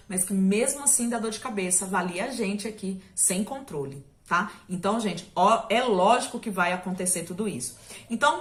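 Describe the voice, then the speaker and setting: Her voice is medium-pitched and a bit bright: a woman from Brazil giving a recorded history lesson in a conversational, chatty manner. She checks in with students often and slips in little jokes, and the room echoes.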